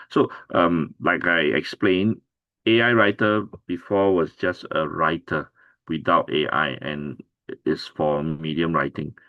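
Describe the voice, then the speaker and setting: A man with a very low voice hosts an online writing class. He introduces people in an easygoing way with lots of fillers. The sound is dull and dry, close and lo-fi. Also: vocal fry, no echo. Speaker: course host and writing coach.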